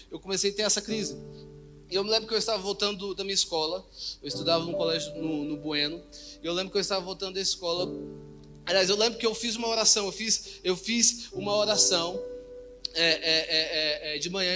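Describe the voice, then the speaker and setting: A young man preaching a testimony sermon, repeating phrases and quizzing the congregation. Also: sits high. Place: church hall, indoors.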